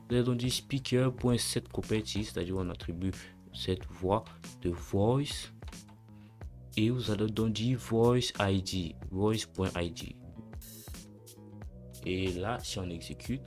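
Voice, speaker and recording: A young man hosting a casual coding tutorial, relaxed and slangy, talking through each step aloud and correcting himself as he goes. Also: on the low side.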